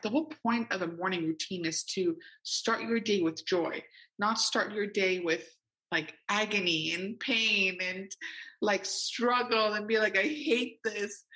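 A woman's voice: mid-range voice, pushed and bright, low-quality recording. A woman hosting a coaching podcast, enthusiastic and affirming as she chats with her guest. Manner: enthusiastic, affirming, laughs often. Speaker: podcast host. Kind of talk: casual interview chat.

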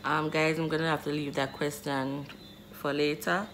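A woman in her twenties vlogs casually into her phone camera, held close, in a small bedroom. She speaks in a low voice with flat delivery at a moderate pace, rambling and chatty, often calling her viewers "guys," with noise in the background.

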